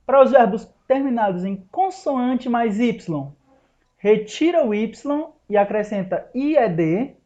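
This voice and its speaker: Brazilian teacher, unhurried and mellow, explains rules step by step; dull lo-fi recording. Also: male voice, very high voice, lively intonation. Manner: explains step by step, slows down on English examples. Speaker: English teacher. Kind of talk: recorded online lesson.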